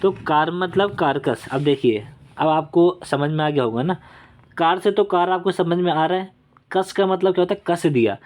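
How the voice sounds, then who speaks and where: Man with a slightly high voice, casual exam vocab teacher, chatty and self-deprecating, close mic. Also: normal speed. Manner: chatty, repeats key words and checks in with "okay?"; self-deprecating while drawing on screen. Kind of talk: casual Hindi-English exam lesson with mnemonics.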